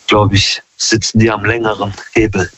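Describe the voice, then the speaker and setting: Bright-voiced man in his thirties, slangy. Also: lowish voice, moderate pace, slight background noise, rough recording. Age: 30s. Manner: relaxed slangy speech with many fillers. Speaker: interviewee. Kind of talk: casual street interview.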